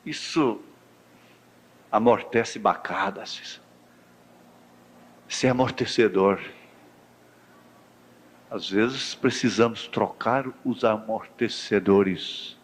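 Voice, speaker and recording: A male pastor preaching a sermon, swinging between soft low talk and high fervent cries, with a Brazilian Portuguese accent, recorded in a church. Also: slow pace, long pauses, slightly rough. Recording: echoey church hall recording.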